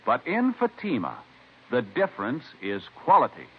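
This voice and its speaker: A man's voice: mid-range voice, wildly swooping pitch, moderate pace, breathy edge. A man announcing a scripted 1950s radio commercial with punchy, emphatic salesmanship. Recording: muffled vintage radio recording.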